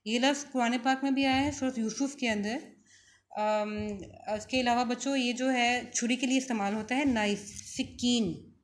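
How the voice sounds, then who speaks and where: A woman with a Pakistani Urdu accent teaching a vocabulary lesson, repeating each word slowly for her students. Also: a little high, steady tone.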